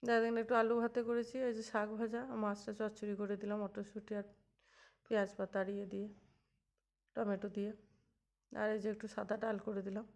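A woman's voice: medium pitch, little pitch movement, fast talker, gravelly, long pauses, darkish tone. A woman in her thirties chatting in a homely, rambling way as she narrates a cooking vlog in her home kitchen. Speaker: housewife vlogger.

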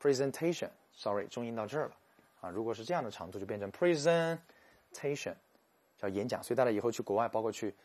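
A man giving a lively, joking English vocabulary lecture, slowing down to sound out English words. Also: lowish voice. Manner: animated, jokey, stretches English words slowly to show pronunciation.

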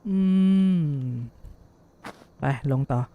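A man's voice: drawn-out words, narrow, tinny audio. A man streaming a horror game, talking to his viewers and blurting out repeated startled exclamations. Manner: jumpy, blurts repeated exclamations, asks viewers what they hear. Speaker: gaming streamer. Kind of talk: horror game let's-play commentary.

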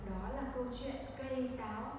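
Cheerful woman teacher with a high voice, speaking to small children, recorded from afar in a very echoey room. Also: fairly quick, noisy background. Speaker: kindergarten teacher. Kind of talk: addressing young children. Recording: echoey hall from far off.

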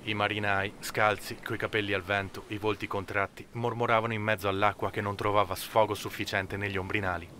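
A man narrating an amateur audiobook in a measured, steady way. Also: fairly low pitch, slight background noise. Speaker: audiobook reader.

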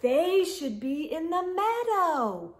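In a room with bookshelves, perhaps a living room or home library, a middle-aged storytime host reads a picture book to young children. She speaks slowly in a high voice that ranges widely in pitch, using a sing-song lilt, animal noises and whispered asides.

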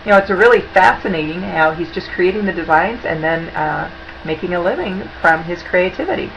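An auction consultant in her forties presents tips over slides, addressing her desk webcam indoors in a friendly, upbeat, conversational style. Her voice is on the low side and a little quick. The audio has its highs cut off and a noisy background.

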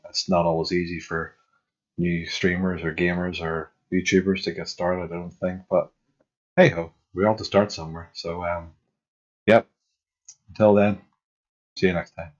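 Deep husky man, casual gamer. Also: little pitch movement, moderate pace, pauses often, lo-fi sound. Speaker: gaming YouTuber. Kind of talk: casual reaction commentary. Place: small bedroom. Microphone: headset.

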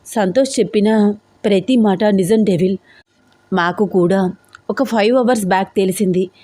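A woman voicing a sad, loyal young female friend in a storybook audio drama, speaking gently and tearfully. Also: medium pitch, moderate pace, no echo, natural voice. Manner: gentle, teary.

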